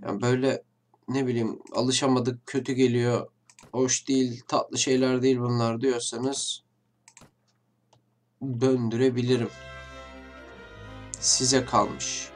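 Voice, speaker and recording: Speaking slowly with frequent pauses, this let's-play host has a medium pitch and a level tone. He has a blocked nose and trades mock-tough banter with viewers into a desk mic, while faint game music and keyboard clicks play in the background.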